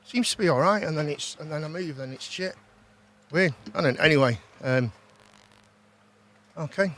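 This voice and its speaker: A man's voice: a little high, moderate pace, fairly bright tone. A British man hosting a casual livestream, chatting informally, repeating himself and often ending on tag questions. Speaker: host.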